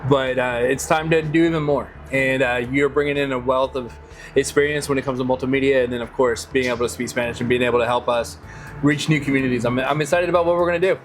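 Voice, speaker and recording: A man's voice: mid-range voice, steady tone, quick pace, faint music behind. A middle-aged man hosting a podcast and chatting casually. He sounds upbeat and welcoming and uses a lot of fillers. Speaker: podcast host.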